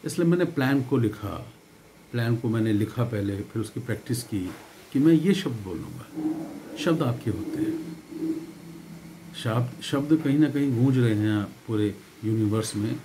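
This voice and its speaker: A middle-aged man speaks in a mellow, warm voice, giving motivational advice in a relaxed, conversational way. He often pauses on fillers and circles back over his own phrases. His pitch sits in an ordinary middle range. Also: slight background noise. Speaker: network marketing speaker. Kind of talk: motivational talk.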